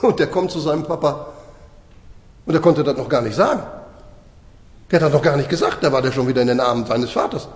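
A man preaching a sermon with emphasis, slowing down to stress points and putting rhetorical questions to his listeners. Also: fairly high pitch, lively intonation. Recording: echoey hall with long reverb.

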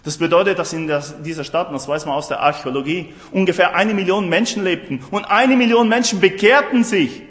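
A man's voice: sits high, a little fast, few pauses, fairly bright tone. A man preaching a sermon emphatically, often putting rhetorical questions to his listeners. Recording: roomy hall with long reverb.

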